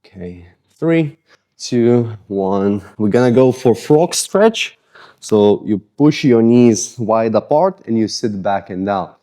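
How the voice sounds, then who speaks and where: The speaker is a man with a lowish voice who talks slowly, carrying an Eastern European accent. As a fitness coach fresh from a workout and still sweaty, he casually leads a mobility routine people can follow along with, teasing himself about his tight muscles. The coaching feels relaxed and self-deprecating.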